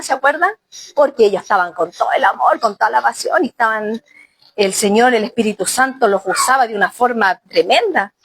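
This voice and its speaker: A woman's voice: a little high, no room sound, rough recording. A woman pastor preaching a sermon earnestly, speaking directly to the sisters of her congregation. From Chile.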